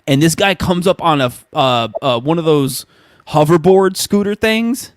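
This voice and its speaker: A man in his thirties co-hosts a casual podcast chat in a voice on the high side, unhurried and smooth, recorded clean in a studio with no echo. He's an animated storyteller who acts out quotes and laughs often.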